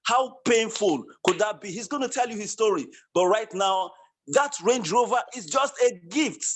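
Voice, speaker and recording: A man presenting at an online business launch, giving an emphatic, repetitive motivational sales pitch over a video call. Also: lively intonation, normal speed, slight background noise.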